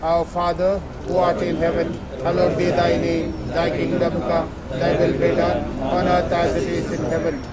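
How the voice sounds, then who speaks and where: A man reciting solemn graveside funeral prayers as a priest, in a measured, formal way. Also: on the high side, little pitch movement, over a noisy crowd. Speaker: priest leading funeral rites. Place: outdoors at a cemetery. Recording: noisy outdoor ambience with traffic.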